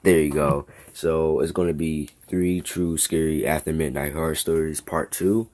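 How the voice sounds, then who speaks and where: Male reaction host, extremely deep voice, relaxed offhand commentary. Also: moderate pace.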